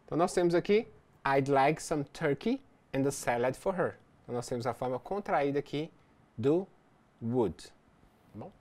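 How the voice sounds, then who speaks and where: An English teacher records a distance-learning lesson, speaking at mid pitch with animated intonation. She methodically explains things step by step and reads the English examples slowly.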